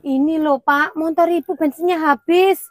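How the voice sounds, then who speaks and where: A woman's voice: high-pitched, fairly even intonation, normal speed, slight background noise, natural voice. A woman playing a fretful middle-aged wife, complaining about her bad luck in a comedy skit. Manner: fretting, complaining to herself.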